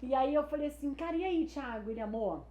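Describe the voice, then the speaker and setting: A woman's voice: high-pitched, expressive, fast talker, narrow, tinny audio. A woman in her thirties, animatedly telling a personal story in casual chat and acting out the people she quotes. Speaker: guest. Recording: echoey room with faint noise.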